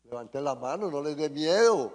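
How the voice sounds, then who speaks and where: Male preacher, fervent prayer and sermon delivery, slightly high pitch, reverberant sanctuary. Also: lively intonation, moderate pace, a little mellow. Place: church sanctuary. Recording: long church reverb.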